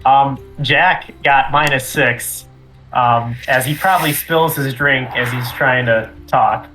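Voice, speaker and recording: A man with a mid-range voice improvises casually as a tabletop player, in a hesitant, halting manner. Quiet music plays behind him. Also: medium pitch, fairly even intonation, low-quality recording. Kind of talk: casual, improvised role-play.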